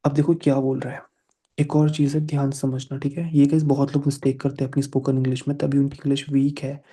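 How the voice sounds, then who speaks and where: A man's voice: medium pitch, little pitch movement, quick pace, dark tone, breathy edge. A man teaching an online English grammar class. He mixes English into his explanations and voices his students' questions.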